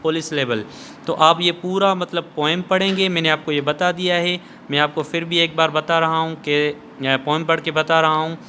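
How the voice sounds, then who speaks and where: Male teacher, bright forceful tone, a slightly higher voice, patient and explanatory in an online lesson. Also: slight background noise. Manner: patient, explanatory, reads verses slowly. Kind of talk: online lecture.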